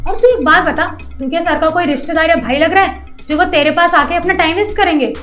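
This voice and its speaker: In a short skit, a woman plays a rude, haughty office manager who scolds and talks down to others in a bossy, condescending, scornful way. Her voice is extremely high, fast and a bit bright, with soft music behind her.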